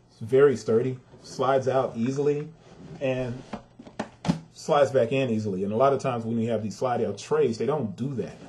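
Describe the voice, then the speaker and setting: A man's voice: mid-range voice, warm tone. A man who is a father gives a casual, emphatic sneaker review, talking straight to his viewers and venting his frustration. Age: adult with a son.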